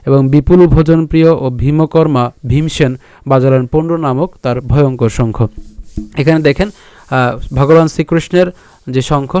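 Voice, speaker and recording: A man leads a scripture lesson, chanting each verse slowly and splitting words into their sounds. He often stops to ask himself a question and then answers it. His fairly high voice is smooth and clear, recorded close and dry. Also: a little mellow, no room sound. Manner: repeats "ঠিক আছে" and asks himself questions. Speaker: Gita teacher. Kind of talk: recitation lesson on Sanskrit pronunciation.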